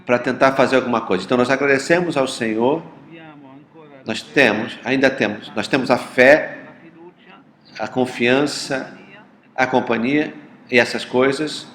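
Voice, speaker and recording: A man speaking earnestly at a panel, halting at times and restarting his phrases. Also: medium pitch, a bit bright. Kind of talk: panel talk. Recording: roomy echo.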